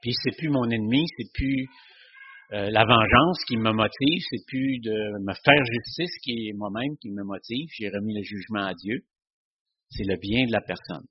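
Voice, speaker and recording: Guy talking about faith, kinda husky voice, dull lo-fi recording. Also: lowish voice, moderate pace. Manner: conversational, frequent tag questions. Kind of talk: casual teaching on faith.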